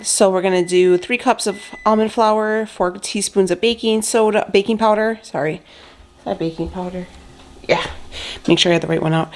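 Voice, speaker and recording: A young woman vlogger chatting loosely as she cooks in her home kitchen, filling her talk with "like" and "um", recorded by a camera on a tripod. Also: fairly low pitch. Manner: chatty, loose, lots of fillers. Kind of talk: casual chat while cooking.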